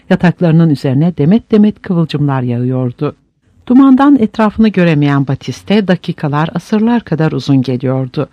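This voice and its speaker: Male audiobook narrator, fairly high voice, expressive dramatic read, dry and slightly muffled sound. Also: dry recording. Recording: dry, slightly dull lo-fi recording.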